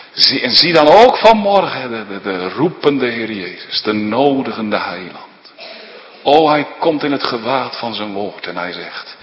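A man's voice: fairly low pitch, lo-fi sound. A man preaching a sermon as pastor, pleading and impassioned, often repeating little tag words. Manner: pleading, impassioned preaching with many filler tags. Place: church. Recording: long church reverb.

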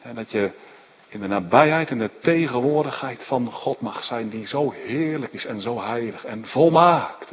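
A man preaching a sermon, emphatic, dropping into hushed near-whispers and rising into fervent appeals, with many tag questions and restarts. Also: medium pitch, lively intonation, moderate pace, husky. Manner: frequent "hè" tags and stumbling restarts. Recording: dull lo-fi sound with long hall reverb.

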